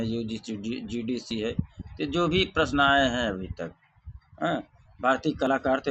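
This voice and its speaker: A man teaching an exam revision lesson, reciting questions and answers in a steady drilling way. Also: mid-range voice, husky. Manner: softer, chatty sign-off to viewers.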